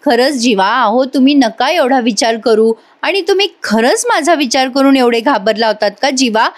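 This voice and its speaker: A woman reading the lines of a caring young wife who calms her husband, in a voice-over retelling of a soap episode. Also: high-pitched, normal speed. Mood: soothing. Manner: soothing, reassuring.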